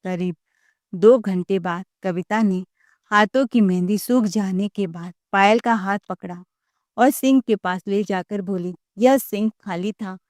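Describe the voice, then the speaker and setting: A woman narrating a scripted family story in a measured, unhurried way. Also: medium pitch, darkish tone, dry recording, clean studio sound.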